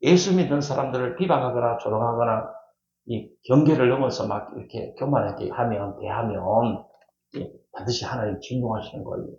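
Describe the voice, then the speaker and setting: A man's voice: mid-range voice, a little fast, darkish tone. A male pastor, likely middle-aged, preaching a sermon in a church. He talks emphatically, repeats key words and puts questions to the congregation. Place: church sanctuary. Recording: echoey church hall, dull lo-fi sound.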